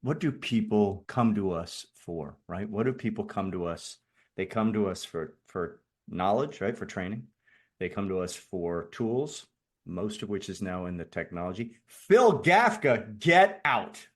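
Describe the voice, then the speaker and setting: A man's voice: sits low, moderate pace, darkish tone. A congested man with a rattly chest-cold voice hosts a casual online meeting, jokey and rambling. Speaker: host of an online community meeting.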